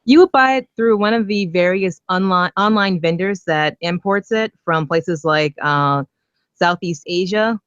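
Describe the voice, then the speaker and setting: A woman's voice: lowish voice, dry recording, highs cut off. A woman from Northern Virginia calling in as a guest, explaining a topic earnestly with plenty of fillers. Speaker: guest caller, activist. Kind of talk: phone-in interview.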